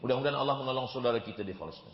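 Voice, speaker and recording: A male preacher giving a sermon in a large hall, dramatic, slowing and rising for emphasis, with joking asides. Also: medium pitch. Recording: echoey hall, dull sound.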